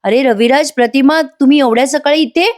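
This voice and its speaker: Brief: woman reading a worried father, pressing and pitched up. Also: brisk, close to an everyday voice. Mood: alarmed. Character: alarmed older father of the house.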